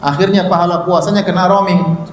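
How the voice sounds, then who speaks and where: A man with a high voice delivers a religious lecture, reciting Arabic scripture and slipping in jokes. His voice rings through a large echoey hall with a long reverb tail. Faint noise sits under the recording. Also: fairly quick. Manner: lively preaching, reciting Arabic scripture and joking. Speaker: Islamic preacher.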